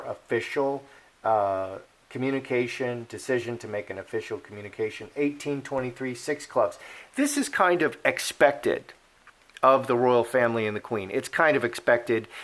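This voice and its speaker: A man's voice: mid-range voice, a bit bright. Rambling man reading cards. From Polish heritage. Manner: rambling, opinionated, with many fillers and restarts. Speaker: card reader and commentator. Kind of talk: casual monologue.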